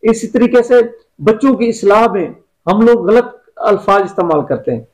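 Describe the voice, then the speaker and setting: Male business coach guest, very high voice, instructive and repetitive. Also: expressive, moderate pace, darkish tone, rough recording. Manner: instructive, repeats key phrases. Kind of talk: motivational advice in an interview.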